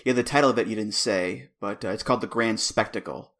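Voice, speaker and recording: Low-voiced man hosting, wry asides. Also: fast, a bit bright. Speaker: podcast host. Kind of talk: casual chat.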